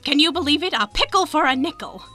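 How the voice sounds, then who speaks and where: A woman's voice: high voice, expressive, quick pace, sharp tone, soft background music. A woman voicing a nosy, toothless old woman who chatters with folksy nostalgia in a comic radio play. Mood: chatty.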